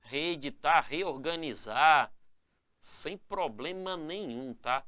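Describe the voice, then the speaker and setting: An energetic male teacher explains a spelling rule to his viewers, checking in with them after nearly every phrase. His voice is sharp and bright and swings up and down a lot. It is recorded close and dry. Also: fairly high pitch, dry recording, highs cut off. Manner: energetic, calls the viewers "galera" and "moçada", ends phrases with "né?" and "tá?"; stretches out key words slowly to stress them. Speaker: Portuguese grammar teacher. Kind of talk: lively spelling lesson to camera.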